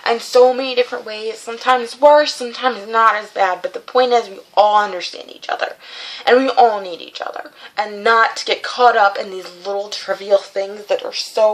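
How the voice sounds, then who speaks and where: A woman's voice: on the high side, slight background noise, low-quality recording. A woman in her twenties giving an informal, heartfelt video message in an earnest, encouraging manner. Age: 20s. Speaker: vlogger sharing a personal message of support. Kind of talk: informal, heartfelt talk to camera.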